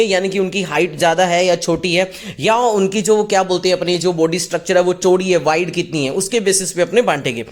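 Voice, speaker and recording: A male teacher giving a casual exam-prep lecture, asking and answering his own questions as he goes. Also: high-pitched. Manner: mixes English terms into Hindi speech.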